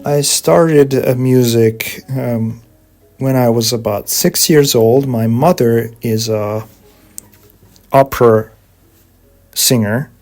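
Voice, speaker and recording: A middle-aged Hungarian man, a guest organist and composer, answering interview questions in measured English with frequent pauses and fillers. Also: mid-range voice, darkish tone, soft background music.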